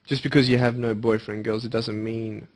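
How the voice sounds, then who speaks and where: A young man giving an emphatic motivational speech to students, swinging between bold declarations and hushed, earnest appeals. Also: on the low side, flat delivery, moderate pace. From Australia. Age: young adult. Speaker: motivational speaker.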